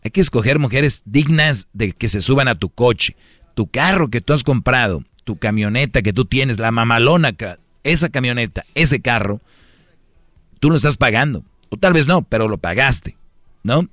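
A man's voice: mid-range voice, animated, normal speed, fairly bright tone, no room sound, studio quality. A man with a Mexican accent, hosting an advice talk show for men and speaking in a brash, slangy, mocking way. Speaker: host giving relationship advice to men.

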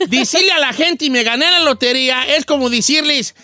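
A cheeky old Mexican host with a very high, reedy voice and a bright, sharp edge. He teases, rambles and chuckles through a comedic radio talk show. The sound is close and dry. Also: fairly quick, dry recording, full character voice. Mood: joking. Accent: Mexican Spanish. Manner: teasing, rambling, chuckles often.

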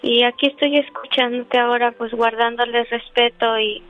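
A woman's voice: fairly high pitch, level tone, moderate pace. A woman calling in to a radio show, telling a personal story in an earnest, devout way with many fillers. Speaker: caller. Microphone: phone. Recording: tinny dry phone line with faint music.

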